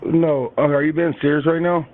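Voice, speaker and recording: A man's voice: fairly high pitch, level tone, brisk. A man answering the phone as a restaurant employee, talking in casual customer service style. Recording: tinny narrow phone line.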